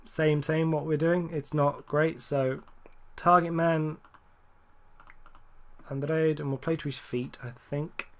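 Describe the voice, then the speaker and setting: A man giving casual, rambling gameplay commentary, correcting himself often and getting excited at near misses. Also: a little high, slow pace. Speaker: gaming YouTuber.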